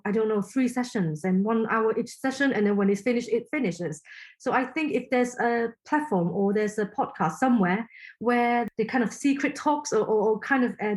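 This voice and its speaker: A woman from Hong Kong whose first language is Chinese speaks as a podcast guest. Her voice sits a little high. She talks thoughtfully, pausing on fillers and restarting her sentences. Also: darkish tone, rough recording. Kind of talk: casual interview talk.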